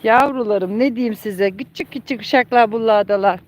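A woman with a high, light voice and a broad Bartın Ulus accent, talking warmly and homely to her livestream audience. She is outdoors at a village farmhouse and chats on a phone as she walks. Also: normal speed. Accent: Bartın Ulus regional Turkish. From Bartın, Turkey. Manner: chatty, homely, addresses viewers as friends. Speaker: live streamer. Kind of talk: casual livestream chat.

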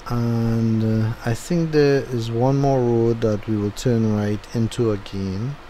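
Recorded at home once the drive was over, this middle-aged YouTube host talks casually over his driving footage, rambling and using fillers as he thinks aloud. He takes it slowly in a mid-range, warm, steady voice, with a little hiss or hum.

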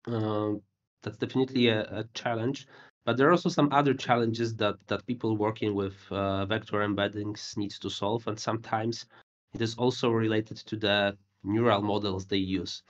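A man's voice: fairly low pitch, level tone, normal speed. A man moderating an online panel, thanking speakers and posing long technical questions. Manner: polite, asks long framed questions. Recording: dull video-call audio.

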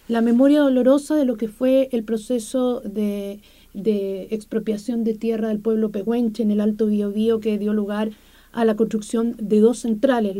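A woman interviewing guests in a small radio studio, asking measured, formal questions. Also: a little high, dark tone. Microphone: studio table mic.

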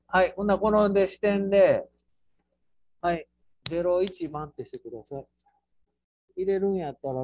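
A man with a Kansai accent teaching an architecture class through a software task, playful, with sound words and mock squeals. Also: fairly high pitch. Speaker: architecture instructor.

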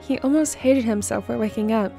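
A woman reading a fan fiction story aloud in a soft, even way. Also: on the high side, a little fast, creaky, soft background music. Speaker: narrator.

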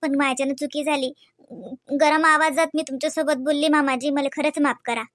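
A woman's voice: high-pitched, little pitch movement, moderate pace, a bit bright, no room sound. A woman voicing a remorseful young daughter-in-law who pleads for forgiveness. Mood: apologetic. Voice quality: pleading, apologetic.

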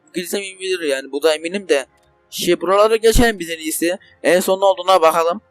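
A young man with a fairly high voice rambles through let's play commentary, often ranting and cursing at the game. He is close on a desk mic in a dry room, with faint game music playing underneath. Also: fast, no echo. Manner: rambling, swears and rants at the game in frustration. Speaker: gaming channel host. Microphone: desk microphone.

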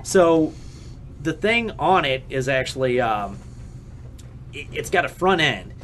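A man on a casual podcast, walking through technical details with a steady explaining manner. Faint room ambience sits behind his voice. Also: a little high, slow, a little hiss or hum. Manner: technical, explaining gear at length. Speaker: podcast co-host.

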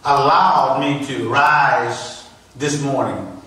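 A man's voice: medium pitch, steady tone, drawn-out words, pushed and bright. A man preaching a sermon in a church, with a rhythmic, repeating call-and-response delivery. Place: church sanctuary. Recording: echoey church sanctuary, mic at a distance.

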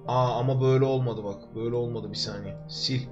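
A man's voice: medium pitch, fairly even intonation, fast, highs cut off, over music. A young man from Turkey livestreaming a game from his room, chatting with viewers and joking to himself as he plays. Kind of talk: live gameplay commentary. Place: home room. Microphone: desk microphone.

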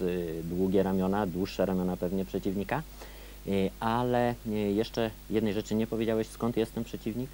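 A man's voice: deep voice, darkish tone, slight background noise. A man working as a TV sports reporter, asking long, leading questions in a local interview.

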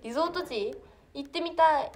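Brief: teen girl, Kansai accent, fairly high voice, chatty and giggly livestreamer on a phone. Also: normal speed, a little mellow. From Hyogo, Japan. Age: teens. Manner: chatty, giggly, reacts to comments. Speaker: idol trainee livestreamer. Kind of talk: casual livestream chat reading comments.

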